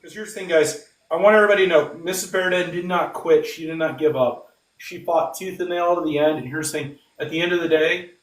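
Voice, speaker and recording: A man's voice: on the high side, fairly even intonation, brisk. A man hosting a casual livestream giveaway, talking emphatically, repeating himself and addressing his audience as guys. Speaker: podcast host. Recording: echoey room, distant microphone.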